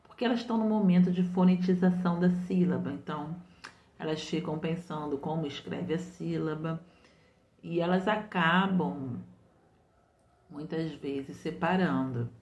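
A woman's voice: low-pitched, moderate pace, a little mellow. A woman from Brazil, a literacy teacher, explains patiently and step by step, often repeating her points. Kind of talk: didactic explanation. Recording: roomy, muffled home recording.

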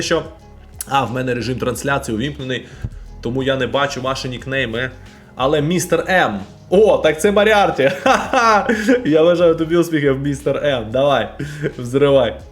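A man streaming and commenting casually on a game, excitable, bursting into loud exclamations. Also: mid-range voice, moderate pace, faint music behind.

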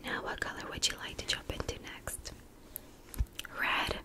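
A young woman doing a whispered role-play close to the mic, with tingly ASMR mouth sounds between soft, repetitive, soothing phrases. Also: fairly quick. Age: young adult. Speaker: ASMR video creator. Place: small indoor room. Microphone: close to the mic, facing camera.

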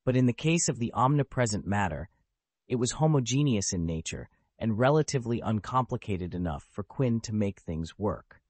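Low-voiced man narrating an audiobook. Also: lively intonation, moderate pace, a little mellow, dry recording. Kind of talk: scripted narration.

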